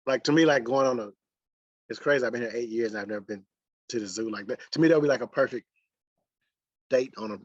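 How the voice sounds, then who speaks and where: A man's voice: mid-range voice, quick pace, long pauses. A man with a Mississippi accent and a country drawl, chatting casually as a guest. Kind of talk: casual chat. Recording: muffled, dry lo-fi sound.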